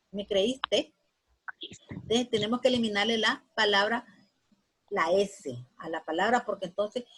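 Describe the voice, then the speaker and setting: A woman teacher giving a grammar lesson, patiently repeating words slowly for her students. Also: a little high, husky, poor audio.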